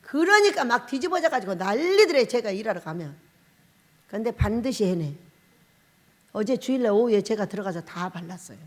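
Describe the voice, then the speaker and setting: A middle-aged woman pastor preaching a sermon, telling lively stories, acting out quoted lines loudly and laughing along the way. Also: on the high side, normal speed. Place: church sanctuary. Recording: long reverb of a large church hall.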